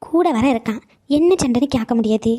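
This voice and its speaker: A woman's voice: a little high, animated, brisk, mellow. A woman voicing a chatty old grandmother. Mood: dramatic. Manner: dramatic, theatrical scolding. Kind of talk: cartoon comedy acting.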